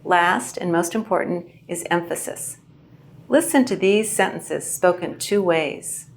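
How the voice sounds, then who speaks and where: Clear-speaking woman teaching presentation skills. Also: fairly low pitch, a little hiss or hum. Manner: clear, measured teaching delivery. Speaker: English language instructor. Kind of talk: instructional video narration.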